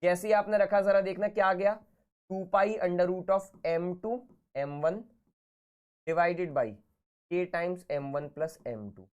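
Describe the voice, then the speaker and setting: A man with a sore, hoarse throat teaching physics in a casual, chatty live online class. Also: high-pitched, fairly even intonation, takes it slowly, a little mellow, lo-fi sound. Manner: casual, chatty, talks to students informally.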